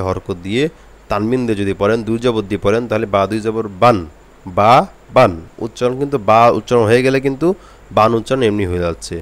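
A man's voice: fairly low pitch, smooth. A man with a Bangladeshi Bengali accent teaching a Quran recitation lesson, patiently repeating each letter sound several times for drilling.

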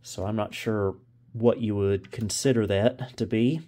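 The host of a vintage computer video channel gives casual hands-on commentary indoors in a home room, thinking aloud and often sounding unsure. His voice is lowish, fairly even and mellow, at a measured pace.

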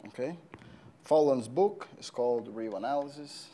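A man's voice: mid-range voice, expressive, dark tone, slight background noise. Brazilian-born man lecturing in an empty hall. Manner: friendly, halting with fillers, pauses while writing on the board. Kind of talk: university lecture. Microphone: lapel.

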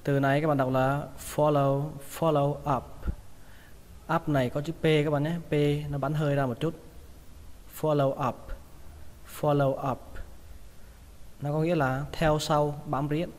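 A man with a Vietnamese accent teaching English vocabulary, repeating each word slowly several times to model its pronunciation. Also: on the high side, level tone, a little mellow, in a large hall. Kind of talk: pronunciation lesson.

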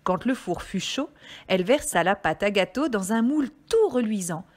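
A woman, a kindergarten teacher, reading a storybook aloud to young children in a gentle, expressive way. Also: medium pitch, moderate pace.

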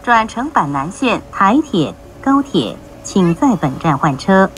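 A woman making measured, clearly enunciated train announcements, heard over the carriage's intercom loudspeaker. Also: medium pitch, very animated, a little hiss or hum. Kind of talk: recorded transit announcements.

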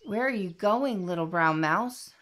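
A woman voicing a sly, hungry male snake in a storybook read-aloud, speaking in a hushed way. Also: medium pitch, animated, a little slow.

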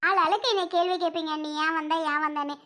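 A woman's voice: extremely high pitch, fairly even intonation, fast talker, bright, forceful tone. A woman acting in a family skit, chiding and emotional as she talks to several relatives. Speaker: skit actor.

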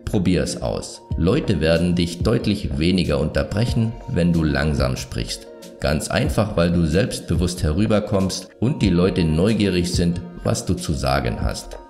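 Deep-voiced man with calm narration. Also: vocal fry, soft background music. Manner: calm, measured, self-assured advice. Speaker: self-improvement video host. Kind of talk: scripted voice-over narration.

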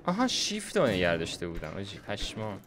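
A man's voice: fairly low pitch, huge pitch swings, fairly bright tone, slight background noise. A young man giving casual, slangy gameplay commentary, chatting to himself as he builds. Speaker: gaming YouTuber.

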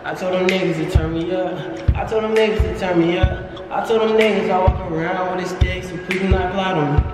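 A man rapping a street verse over a beat in a flat, repetitive flow. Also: high voice, brisk. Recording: distant, echoey hall with loud music.

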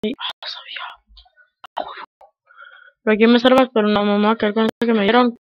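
A man with a Mexican accent giving casual gameplay commentary over a headset, muttering quietly to himself in slang with sudden excited outbursts. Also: high-pitched, brisk, no room sound, lo-fi sound. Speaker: gamer.

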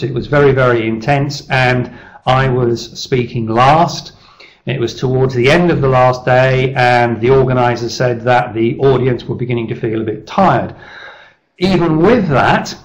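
A middle-aged man giving a persuasive business presentation over slides on a webcam call, steady and measured with small restarts. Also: mid-range voice, lo-fi sound. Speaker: leadership speaker presenting his service. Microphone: webcam video call.

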